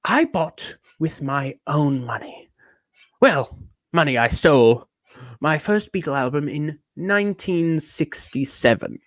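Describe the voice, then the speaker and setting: A drunk man putting on an affected fake British accent to read aloud in a slow, grand, pompous way. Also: a little high, big pitch swings, dry recording.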